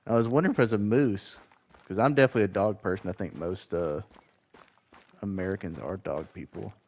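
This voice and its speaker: A man with a mild Southern US accent, chatting with viewers in a relaxed, rambling way while gaming. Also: lowish voice, brisk. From Georgia, US. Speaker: gaming streamer. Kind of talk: casual chat while gaming.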